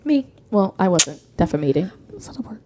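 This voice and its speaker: A woman's voice: mid-range voice, a little fast, slight background noise. A young woman hosting a podcast, chatting casually and telling stories with slang, recorded in an office studio. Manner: chatty, animated storytelling with slang. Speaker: podcast host.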